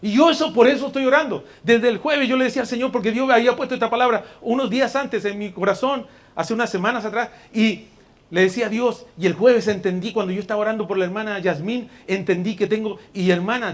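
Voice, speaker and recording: A high-pitched man delivers a fervent church sermon. He speaks to the congregation as brother and dear one, and his voice swings from soft, intimate asides to loud, shouted exhortation. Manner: addresses listeners directly as brother and dear one. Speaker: pastor.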